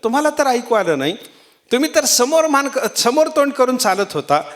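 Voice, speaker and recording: A man playing shouting, urgent villagers. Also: very high voice, very animated, normal speed, voice pushed up. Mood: baffled questioning. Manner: loud, urgent, pressing. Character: alarmed village crowd, men shouting warnings.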